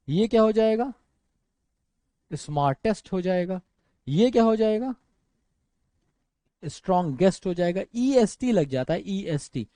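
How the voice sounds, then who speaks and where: A man's voice: sits high, dry recording. A young man with an Indian English accent teaching an exam-prep grammar lesson, calling his students friends and brother and mixing English words into his explanations. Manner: animated, addresses students as friends and brother, mixes English into speech.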